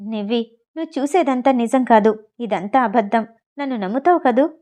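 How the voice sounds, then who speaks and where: A woman's voice: fairly high pitch, lively intonation, normal speed, darkish tone, natural voice. A woman voicing a young male groom who pleads earnestly, in a storybook reading. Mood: pleading.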